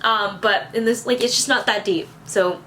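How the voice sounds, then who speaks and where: A woman's voice: mid-range voice, normal speed, a bit bright, slight background noise. A woman of twenty-one, holding back tears as she rambles to her camera in a casual vlog. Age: 20s. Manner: tearful, rambling and self-reassuring. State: teary, on the verge of crying. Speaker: vlogger.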